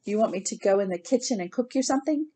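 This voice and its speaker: A woman's voice: mid-range voice, expressive, quick pace, close to an everyday voice. A woman doing a patient, puzzled dad. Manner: gentle, questioning.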